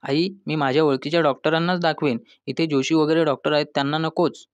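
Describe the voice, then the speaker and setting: Male recap narrator, voice on the high side, dry close sound, retelling scenes and reading out dialogue. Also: fairly even intonation, fast talker, dry recording. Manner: retells scenes, reading characters' lines in quotes; addresses listeners as friends. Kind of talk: scripted episode recap narration.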